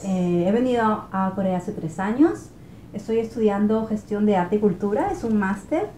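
A woman's voice: medium pitch, expressive, normal speed, dark tone. A young woman with a Peruvian accent, a guest chatting earnestly in a small bedroom, picked up by a far camera. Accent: Peruvian Spanish. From Peru (Ica). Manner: earnest, searching for words. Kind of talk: casual conversation. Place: small pink bedroom, indoors. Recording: roomy indoor sound, faint noise.

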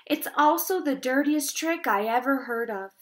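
A wise spider speaks in a calm, brisk and firm voice, as a woman puts her on. She is motherly yet no-nonsense, in a storybook read-aloud with a bright tone. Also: high voice.

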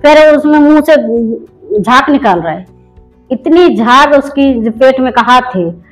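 A woman's voice: high voice, lively intonation, a little slow, faint music behind, low-quality recording. A middle-aged woman from India giving a spoken personal testimony in a rambling storytelling way with many restarts. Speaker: church member giving testimony.

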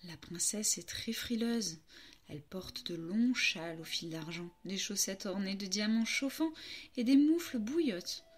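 A French woman reading a children's story aloud, narrating as a timid harp in a playful, expressive way. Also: medium pitch, unhurried, breathy edge.

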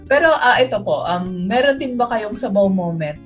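A woman's voice: medium pitch, animated, normal speed, soft background music. A woman hosting a casual podcast interview, reacting to her guest with laughs and exclamations. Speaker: podcast host.

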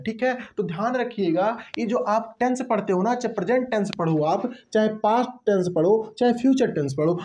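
A man's voice: high-pitched, a little mellow. Man teaching grammar, repeats key words. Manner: repeats key terms, asks and answers his own questions; addresses students directly, stretches words for emphasis. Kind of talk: classroom-style grammar lesson.

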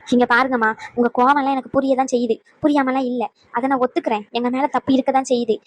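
A woman's voice: high voice, steady tone, fast, no room sound. A woman voicing a pleading cartoon grandma. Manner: pleading, conciliatory.

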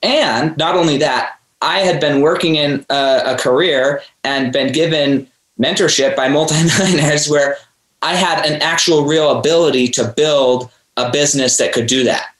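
Earnest and somewhat preachy, a podcast host addresses his listeners directly with motivational interview talk. He has a fairly high, slightly bright voice at a moderate pace. The sound is roomy.

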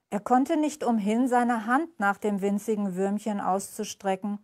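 A woman author reading from her crime novel at a live book reading, measured and clear. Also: medium pitch, darkish tone.

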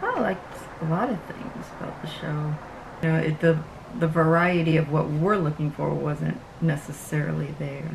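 Gravelly-voiced woman tossing in short remarks. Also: low-pitched, moderate pace, background noise. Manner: brief, offhand interjections. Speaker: vlog co-host. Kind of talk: casual chat. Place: seated inside a parked RV. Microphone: camera close in front.

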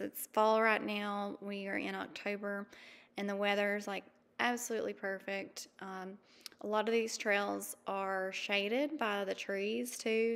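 A woman in her thirties narrating a travel vlog in a chatty, easygoing way, with frequent ums and quick laughs. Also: mid-range voice, fairly bright tone, in a large hall. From mountain region. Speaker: vlogger. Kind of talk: casual voice-over narration.

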